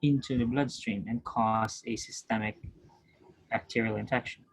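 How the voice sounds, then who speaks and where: A male nursing instructor gives a recorded lecture over screen share, explaining step by step with patience and repetition and often asking questions to confirm students are following. He clears his throat frequently and restarts sentences, speaking at a moderate pace in a mid-range voice with fairly even intonation. The audio quality is poor.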